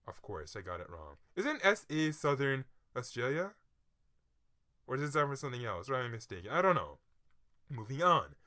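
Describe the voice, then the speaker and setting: A man with a very bright, sharp voice, reading quiz questions and musing over his guesses in a casual, chatty way. He mutters asides and teases himself, and his voice keeps a tense, forceful edge even when he drops low. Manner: chatty, self-mocking guesses, quick mutters and sudden excited outbursts. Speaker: quiz vlogger. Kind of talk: casual thinking aloud while reading a quiz.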